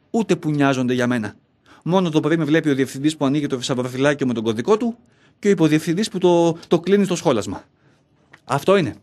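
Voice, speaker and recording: A man's voice: mid-range voice, lightly acted. A man playing a lonely, self-hating bank clerk. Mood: wry, musing. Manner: talks aloud to himself, argues with his own self. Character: lonely, self-loathing male bank clerk shut in a basement vault. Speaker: actor in a one-man stage monologue. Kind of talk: theatrical monologue.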